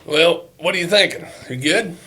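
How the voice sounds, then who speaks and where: A man's voice: a little high, moderate pace, sharp tone. An older man from Southeast Ohio, a youth football coach, telling rambling, folksy stories in a casual chat and swearing freely.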